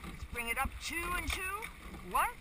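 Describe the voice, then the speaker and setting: A woman coxswain gives short commands and counts while rowing. Her voice is high and her delivery slow and measured, with clear noise of water, wind and boat around her out on open water. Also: lively intonation.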